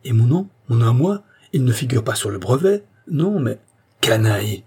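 A man reading an audiobook, voicing a nervous, excitable engineer who shouts in a strained voice. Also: fairly low pitch, normal speed, husky. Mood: enraged. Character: excitable male engineer-inventor, nervous and furious. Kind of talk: audiobook character voice.

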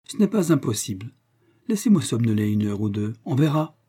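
A man voicing a teasing young woman traveler in an audiobook, with a husky, mellow voice. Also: mid-range voice, sing-song, brisk.

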